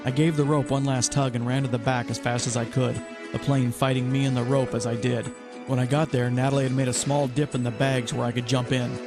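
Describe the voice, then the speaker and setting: A man and podcast host reading a first-person adventure story in a steady, measured storytelling way. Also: mid-range voice, over music.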